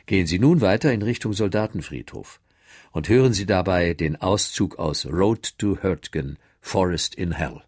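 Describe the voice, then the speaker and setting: A man giving clear, informative scripted narration as an audio tour guide. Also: low voice, normal speed, a little mellow, dry recording, studio quality.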